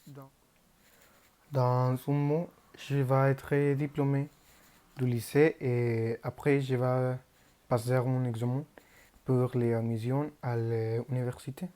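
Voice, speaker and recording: Slow, careful teenage boy with a Mexican accent. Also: medium pitch, mellow. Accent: Mexican Spanish. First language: Spanish. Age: teens. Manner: careful, halting learner's delivery. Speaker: high school student. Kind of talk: reading a prepared class presentation.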